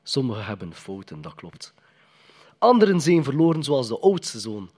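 A man's voice: mid-range voice, big pitch swings, moderate pace, a little mellow, slightly rough. A man preaching a sermon in a conversational, emphatic way, often putting questions to the congregation.

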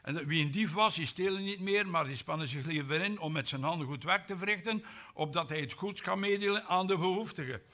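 A man's voice: a little high, fairly quick, bright, forceful tone. A man preaching a sermon, reading scripture with emphasis and breaking off for chatty asides and tag questions.

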